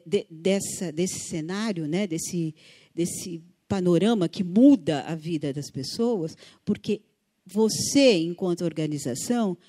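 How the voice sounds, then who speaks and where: Mellow-voiced woman leading a workshop. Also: medium pitch. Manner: acts out phone dialogues with voice shifts; conversational, repeats words for emphasis. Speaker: workshop speaker on fundraising. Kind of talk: lively workshop talk. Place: church workshop audience.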